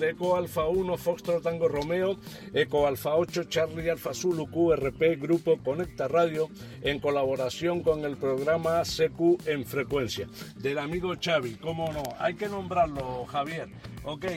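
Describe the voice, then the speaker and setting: A man with a moderately high voice runs amateur radio contacts. He is courteous and formulaic, spelling call signs in phonetic words, with music clearly behind him. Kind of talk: ham radio calls with phonetic call signs and signal reports.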